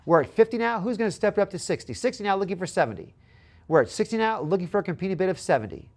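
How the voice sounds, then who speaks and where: High-pitched male auctioneer calling bids. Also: lively intonation, rapid-fire. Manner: auctioneer's patter, repeating bids and calls for the next. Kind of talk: live auction calling, bid chant.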